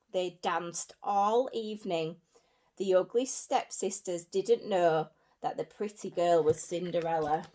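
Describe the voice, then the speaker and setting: An early years teacher with a fairly low voice reads a story aloud to young children. She performs it with animation, leaning on simple repeated phrases and speaking asides to her listeners.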